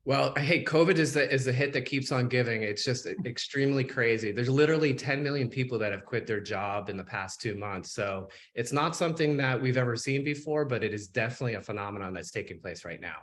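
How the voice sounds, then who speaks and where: Give me an energetic man hosting a casual interview, with a medium pitch. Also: fairly quick, hardly any pauses. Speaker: podcast host.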